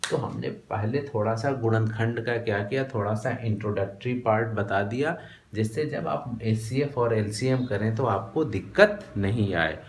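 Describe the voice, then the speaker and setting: An Indian man teaching a maths lesson, dictating notes word by word and asking questions he answers himself. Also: on the low side. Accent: Hindi, from India. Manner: slow dictation, repeating words one by one; asks questions then answers them himself. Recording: echoey room, faint background noise.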